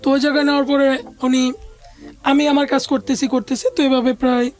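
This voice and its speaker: Here a woman's high, slightly mellow voice comes across flat and a little fast. With a Bangladeshi accent, she recounts her own story as an interviewee, using everyday Bengali with some English business vocabulary mixed in, over background music.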